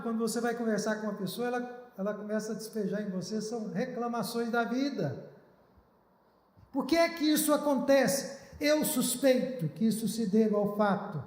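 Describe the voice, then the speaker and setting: High-voiced pastor preaching in an echoey hall. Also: male voice, darkish tone. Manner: earnest, pleading preacher. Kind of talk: sermon. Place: church hall.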